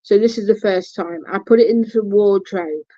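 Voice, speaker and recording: A woman's voice: mid-range voice, normal speed, dark tone, dry recording. A woman casually telling a personal story in a blunt way and swearing freely. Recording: dull lo-fi recording.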